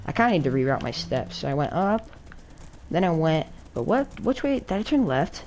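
A woman with a lowish voice chats casually while gaming. She talks through every step out loud and gets frantic and excitable when things go wrong. A faint hiss sits under her voice. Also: normal speed. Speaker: gaming channel co-host. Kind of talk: casual let's play chat.

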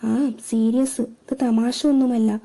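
A woman voicing a guilty young man on the phone, hurried and apologetic. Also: fairly high pitch, fairly even intonation, vocal fry, mellow.

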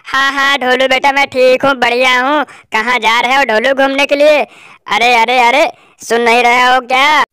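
Kindly old uncle, hard of hearing, talks loud, woman voicing. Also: high-pitched, steady tone, normal speed, clean tone, no room sound, clean studio sound.

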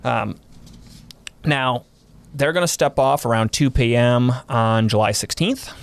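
A man's voice: mid-range voice, unhurried, gravelly, clean tone, no room sound. A man, a historian guest on a podcast, explaining military history in a casual but detailed way, running through units and dates.

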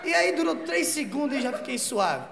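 A young man from São doing a stand-up set, telling a profane, slang-heavy story and acting out the other voices with shouts. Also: extremely high pitch, very animated, moderate pace, vocal fry. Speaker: stand-up comedian. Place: comedy stage with live audience. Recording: echoey room, loud audience noise. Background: audience laughter.

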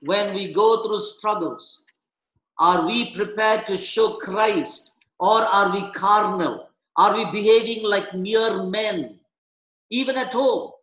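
A middle-aged pastor preaches with a high, ringing voice. He leans on stories and rhetorical questions. The webcast audio sounds echoey, as if the room carries his voice back. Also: slow, a bit bright. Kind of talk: sermon.

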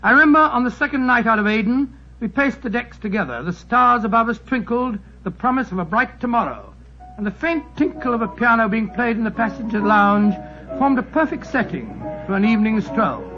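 A bumbling older doctor, high-pitched and fussy, dull radio sound. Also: male voice, lively intonation, fairly quick. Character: genial older male doctor, storyteller. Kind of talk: 1940s radio acting. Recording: dull old radio broadcast with music.

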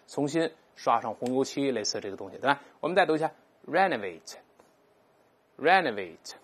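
Husky vocab teacher, animated pitch, slow clear repeats of each word. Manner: explains patiently, repeats English words aloud slowly for learners. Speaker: English teacher. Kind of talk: recorded vocabulary lesson.

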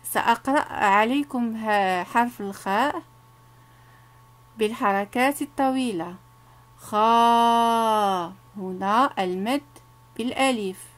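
A woman teacher with a Moroccan accent leads a reading lesson for little children. Her voice sits a little high, and she speaks very slowly, stretching each syllable. She repeatedly invites the children to read along with her. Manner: slow, clearly drawn-out syllables, coaxing children to repeat.

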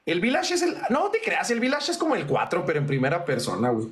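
High-voiced young Mexican man, slangy. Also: wildly swooping pitch, fast talker, slight background noise. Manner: slangy, thanks viewers for gifts. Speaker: streamer. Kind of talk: casual livestream chat.

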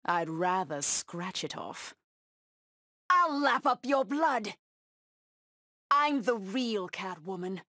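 A woman voicing a savage, proud cheetah-woman huntress in a video game, taunting her prey with deliberate menace. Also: mid-range voice, very animated, bright, forceful tone, dry recording, studio quality, exaggerated voice.

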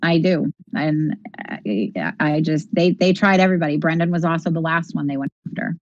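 A woman's voice: low voice, normal speed, no echo. A woman co-hosting a casual discussion, making her points emphatically and repeating them for stress, on slightly lo-fi audio. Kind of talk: casual discussion of a criminal case.

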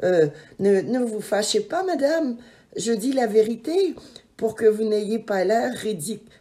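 A woman's voice: mid-range voice, very animated, measured pace, mellow, voice pushed up. A woman voicing a stubborn little girl who speaks in an insistent, defiant way in a storybook reading. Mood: panicked.

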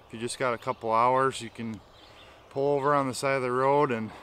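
A man's voice: mid-range voice, fairly even intonation, fairly quick, a bit bright, slight background noise. A man in his thirties casually talking to the camera while fishing on a small river, enthusiastic and explaining as he goes. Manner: enthusiastic, chatty, explains as he fishes. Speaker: fishing vlogger. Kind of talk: casual outdoor vlog. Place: outdoors on a small river bank and in a canoe.

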